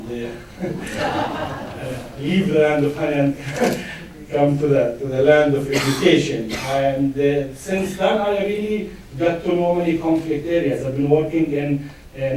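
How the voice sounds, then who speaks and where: A middle-aged man from Israel with a Palestinian Arabic accent gives an academic lecture, pausing often with fillers and restarts. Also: medium pitch, dark tone, slight background noise. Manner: hesitant, many fillers and restarts. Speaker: guest lecturer. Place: large lecture room. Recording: echoey hall, mic far off.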